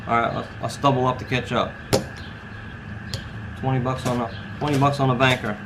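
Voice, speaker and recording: Casting: male casino croupier type, clipped table calls with casual instructional asides, clear ambient noise. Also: mid-range voice, flat delivery, moderate pace. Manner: calls out hands in clipped dealer phrases. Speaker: instructor demonstrating card dealing. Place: at a card table beside a brick wall and door. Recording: noisy, with ambient background sound.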